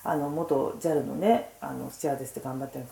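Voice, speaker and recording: An older woman, a dentist hosting a podcast, explaining in a casual, animated way with many fillers. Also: rumbling low, fast, creaky. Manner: animated storyteller who acts out quotes, with fillers. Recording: roomy echoey recording.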